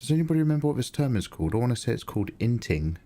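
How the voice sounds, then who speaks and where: A man's voice: medium pitch, big pitch swings, very fast, dark tone. A man chatting casually on a livestream as its host, rambling and thinking aloud. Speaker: streamer and digital artist.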